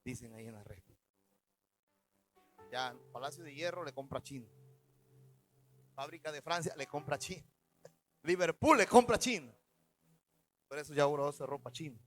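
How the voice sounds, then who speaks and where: A man, a pastor preaching a sermon, swinging between loud and soft as he retells stories in the first person. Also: expressive, moderate pace, long pauses, soft background music, poor audio. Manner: preaching with dramatic swings in loudness and pitch.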